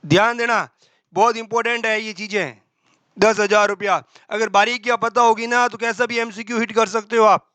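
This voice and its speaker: Brisk, bright-voiced male tutor. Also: high voice, steady tone, dry recording. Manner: brisk, voices imagined student questions. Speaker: accountancy teacher. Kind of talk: exam-prep lecture.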